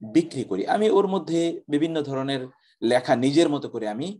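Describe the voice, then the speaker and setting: A man's voice: mid-range voice, lively intonation, brisk, a little mellow, lightly acted. A male lecturer voicing a quoted book seller who pleads to speak and then explains himself, within a story told in class. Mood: explaining. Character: clever old-time scribe and book seller, a man.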